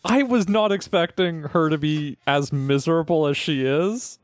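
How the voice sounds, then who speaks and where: A man's voice: a little high, moderate pace, no room sound. Hesitant man chatting, dry close sound. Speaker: podcast co-host. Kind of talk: casual chat about a film.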